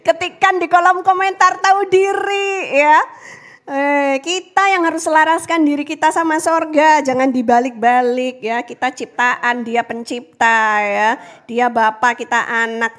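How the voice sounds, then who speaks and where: A high-pitched woman delivers an animated sermon. Her voice swings up to call out to the congregation, then sinks to a hushed whisper on prayer lines. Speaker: preacher. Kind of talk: lively church sermon.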